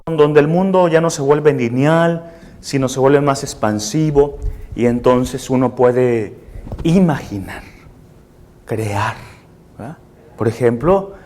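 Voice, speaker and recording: A man's voice: medium pitch, a little mellow. A man giving a live lecture to a seated class, explaining step by step and checking for agreement with short questions. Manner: explanatory, seeks assent with tag questions. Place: room with a seated audience.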